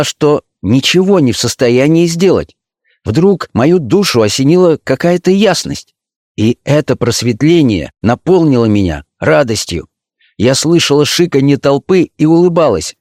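A man's voice: on the high side, a little mellow, no room sound, clean studio sound, voice pushed up, close to an everyday voice. A man reading an audiobook, voicing an ardent, dreamy young actress in love, with impassioned, lyrical delivery.

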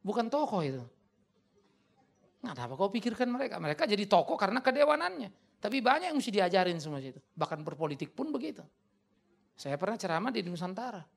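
A pastor, a man, preaches in a blunt and colloquial way and answers questions from his audience. His high voice has a gravelly edge. His pitch swings widely and he bursts out loudly at times. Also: sing-song, quick pace. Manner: blunt, colloquial and emphatic, with sudden loud outbursts.

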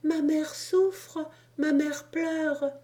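A woman's voice: sits high, fairly even intonation, slow, dark tone, voice pushed up. A woman voicing a grieving little boy's soul in heaven who begs to go home to his mother, tearful and pleading.

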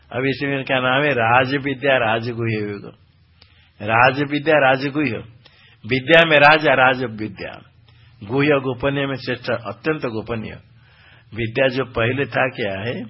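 A man teaches scripture recitation in a husky, slightly rough voice. He corrects pronunciation point by point and stops to quiz his listeners. The recording is dull and lo-fi. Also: medium pitch, unhurried, long pauses. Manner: quizzes listeners with questions. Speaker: spiritual teacher.

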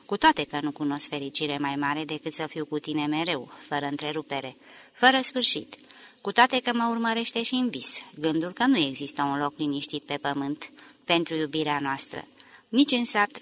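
A woman's voice: sits low, animated, bright, forceful tone. A woman reading the lines of an anxious, tormented young woman in an audiobook, with a pleading, emotional delivery. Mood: anguished.

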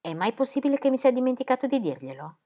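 A woman voicing a fussy, distracted middle-aged pastor who calls out loudly, in a storybook reading. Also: high-pitched, big pitch swings, quick pace, voice pushed up. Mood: matter-of-fact. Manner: loud, exclaiming calls.

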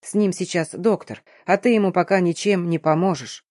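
Woman reading a tired, tender father, low soft slow voice, firm underneath, audiobook. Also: no room sound, clean studio sound, natural voice. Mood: weary tender. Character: weary gentle middle-aged father, tender but firm.

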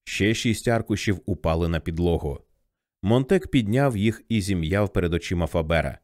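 A man narrating an audiobook in an expressive reading style. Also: sits low, moderate pace, no echo, studio quality. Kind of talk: scripted narration.

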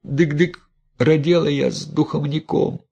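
A desperate peasant woman begging and stammering in thick rustic speech, pitched well up, as a man puts her on. There's a gravelly, husky grain beneath the wail. It plays like an audiobook character. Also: fairly even intonation, measured pace, warm tone, muffled recording, full character voice. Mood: anxious confession. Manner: wailing, stammering "дык-дык", rustic dialect. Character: wailing, pleading peasant woman, middle-aged.

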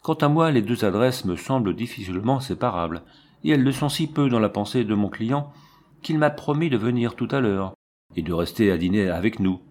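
A man's voice: lowish voice, lively intonation, brisk, darkish tone. A man voicing an anxious, blustering banker who speaks in a plaintive, exasperated way. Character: anxious, blustering middle-aged male banker.

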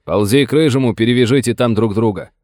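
A man's voice: mid-range voice, quick pace, a little mellow, no room sound, studio quality, natural voice. A man playing a tough middle-aged sheriff who gives curt, commanding orders in a gunfight.

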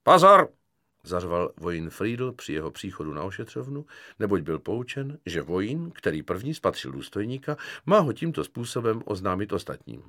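A man narrating an audiobook with lively, expressive storytelling. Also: sits low, no room sound, studio quality. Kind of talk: scripted narration. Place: recording studio.

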